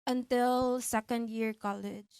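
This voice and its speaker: A woman's voice: a little high, measured pace, clear, resonant tone, no room sound, studio quality. A Filipina woman around thirty with a Filipino accent, a podcast guest telling her story casually, mixing languages with fillers. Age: 30s. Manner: relaxed, mixes languages with fillers like "like".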